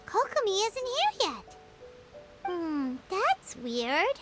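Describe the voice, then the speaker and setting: A woman's voice: very high-pitched, huge pitch swings, extremely slow, heavily acted. A woman voicing a tiny, food-loving companion girl in a video game, with an eager, chirpy and exclamatory manner. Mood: puzzled. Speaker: companion character. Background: loud game soundtrack music.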